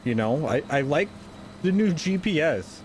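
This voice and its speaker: This gaming channel host has a slightly high, mellow voice and is very animated, though he keeps a measured pace. A sinus infection has left him stuffy as he rambles chattily through his moves, often correcting himself. There is a little hiss or hum in the recording.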